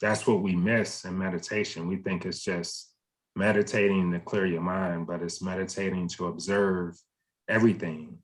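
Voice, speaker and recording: A man with a fairly low voice leads a meditation group over a video call. He sounds easygoing and gently encouraging and invites each person to share. The sound is plain and casual, like a home video call. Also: level tone, moderate pace, poor audio.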